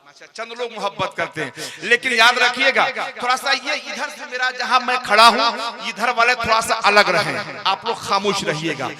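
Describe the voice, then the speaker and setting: A man with a strikingly high voice works a big live gathering through a stage microphone, joking and coaxing the listeners to answer him. Between the banter he recites couplets, and a crowd is clearly heard behind him. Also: moderate pace. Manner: jokey, coaxes and teases the crowd into responding. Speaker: compere of a religious poetry gathering. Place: large public gathering before a crowd.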